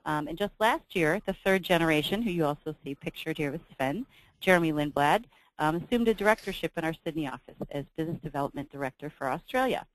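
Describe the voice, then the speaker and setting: A woman hosting a travel company's webinar reads a scripted sales pitch off her slides, brisk and upbeat, with frequent ums. Her voice sits low with lively intonation, and the audio quality is poor.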